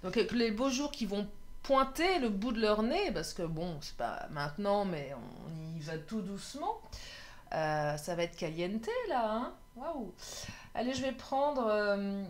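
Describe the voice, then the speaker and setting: A woman's voice: mid-range voice, animated, measured pace. A woman doing a casual love tarot reading, chatty and often laughing, sometimes tripping over her words. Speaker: tarot card reader.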